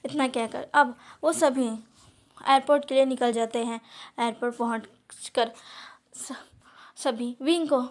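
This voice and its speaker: A woman's voice: high voice, fairly even intonation, measured pace, long pauses. A woman reading her own fan-fiction story aloud as a storyteller.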